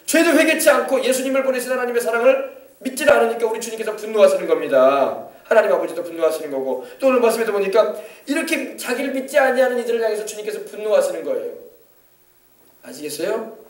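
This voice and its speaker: Man, pastor, emphatic sermon, high voice, church hall echo, distant mic. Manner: emphatic, often asking the congregation to confirm. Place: church sanctuary.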